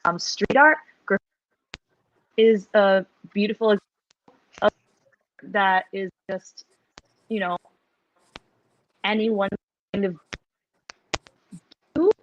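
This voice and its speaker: A woman speaking slowly and hesitantly on a video call, her audio breaking up and cutting out. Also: medium pitch, no room sound, highs cut off. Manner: slow, hesitant, thoughtful, with soft laughs. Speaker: panel guest. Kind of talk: casual discussion on a video call. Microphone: headphone mic on a video call.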